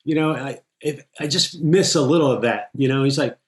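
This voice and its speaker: A man's voice: medium pitch, a little fast. Enthusiastic man in an echoey room. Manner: enthusiastic storyteller, quotes people in his anecdotes. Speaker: film editor. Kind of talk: casual interview chat.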